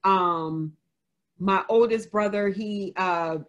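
A woman's voice: mid-range voice, takes it slowly, fairly bright tone. Woman author sharing a family story. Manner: candid storytelling, laughs often. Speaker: author answering reader questions. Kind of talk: casual live Q&A.

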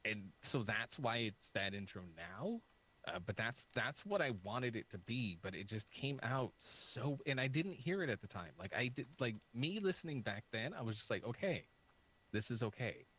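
Rambling, animated man on a chat. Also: medium pitch, moderate pace, husky, poor audio. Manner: rambling, heavy use of "like" fillers; animated and self-mocking. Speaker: guest YouTuber. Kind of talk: casual chat on a video call.

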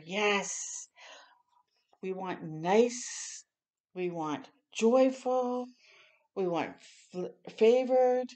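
Reading a picture book to children, this older woman adds friendly, encouraging comments along the way. Her mid-range voice sounds a little mellow. The setting is a small room indoors at home.

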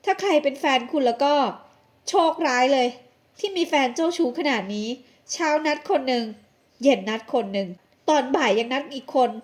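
A woman's voice: high-pitched, animated, normal speed. A woman narrating an audio drama and voicing its sassy young heroine.

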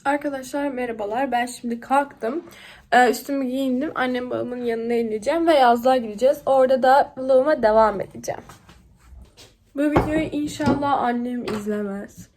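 A woman's voice: high voice, moderate pace, a little mellow. A young woman from Bursa vlogging about her day in a blunt, outspoken, chatty way. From Bursa, Turkey. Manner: blunt, outspoken, swears freely. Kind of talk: casual chatty vlog.

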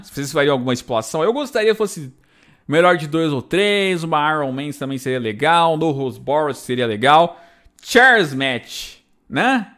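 A man's voice: on the high side, fairly bright tone. A Brazilian man casually recapping wrestling shows, chatty and full of rhetorical tag questions. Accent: Brazilian Portuguese. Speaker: wrestling YouTuber.

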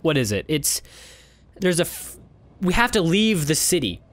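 Young man, let's play host, casual rambling commentary, fairly high voice, very lively intonation. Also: unhurried. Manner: rambling, laughing asides, many fillers. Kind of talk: casual game commentary and reading.

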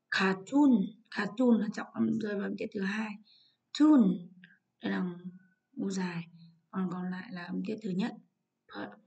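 A woman with a Vietnamese accent teaches English, walking through an exam answer by answer. Her voice sits at a middle pitch with a gravelly edge. She explains patiently and slips English words into her sentences. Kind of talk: exam walkthrough lesson.

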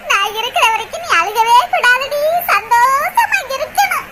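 A woman's voice: extremely high pitch, big pitch swings, moderate pace, noisy background. A woman voicing a caring older sister in a cartoon, firm but tender, in a southern Tamil Nadu accent. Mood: consoling. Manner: scolding yet tender, lamenting. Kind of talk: cartoon voice acting.

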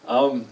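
Slightly mellow and far from the microphone, with a bit of background noise, an Australian man speaks casually at a conference in a large dark lecture hall. He keeps things chatty, pokes fun at himself, and quizzes the audience.

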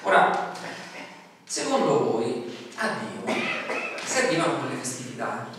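A middle-aged Italian pastor preaches in a small church hall, speaking conversationally and asking the congregation questions. His mid-range voice swings hugely in pitch and moves slowly. The mic is distant and the recording is very noisy, with the voice echoing from afar.

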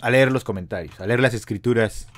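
A Mexican man in his thirties co-hosts a casual podcast, joking around and reading listener comments aloud. He speaks briskly in a mid-range voice with a Mexican Spanish accent.

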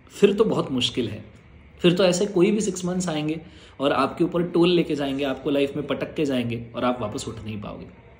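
A man's voice: on the high side, darkish tone. A man giving students an earnest, reassuring motivational talk as their exam teacher. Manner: earnest, reassuring, mixes Hindi and English. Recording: roomy echo.

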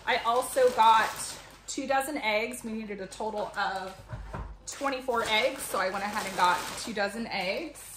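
A home vlogger, a mother in her thirties, talks to camera about her grocery haul in a fairly high voice at moderate pace, chatting and explaining as she goes. The echoey indoor kitchen recording, made from a camera a few feet away, is noisy and full of clicks and rustling.

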